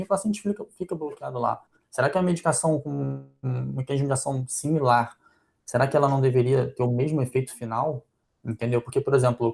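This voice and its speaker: A Brazilian-accented man walks through a study's weaknesses at a quick clip. His voice carries a gravelly, creaky edge, and he thinks aloud with frequent fillers as he moves from point to point. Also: medium pitch, darkish tone. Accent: Brazilian Portuguese. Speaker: physician presenting a journal article. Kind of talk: journal club critique.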